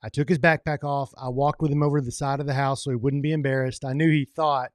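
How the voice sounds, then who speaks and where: A man's voice: medium pitch, level tone, fast, no room sound, clean studio sound. A man hosting his own coaching channel, telling a motivational story in a conversational way and often restarting his phrases. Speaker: host of a men's coaching program.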